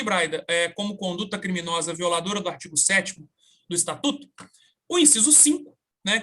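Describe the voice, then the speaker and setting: A young adult man, a lawyer telling an animated anecdote and acting out the dialogue. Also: sits high. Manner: animated, acts out quoted dialogue. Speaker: lawyer guest. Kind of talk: casual anecdote and legal explanation.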